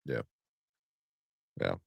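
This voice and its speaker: A man's voice: very slow, dry recording, studio quality. A man hosting a casual live chat show, laughing often and rambling loosely between topics. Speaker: podcast host.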